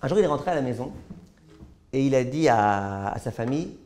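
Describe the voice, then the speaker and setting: A man who is a rabbi teaching a Torah lesson to a live audience, telling stories in a lively way and often stumbling over repeated words. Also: medium pitch, fairly quick, slight background noise. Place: class hall with a live audience.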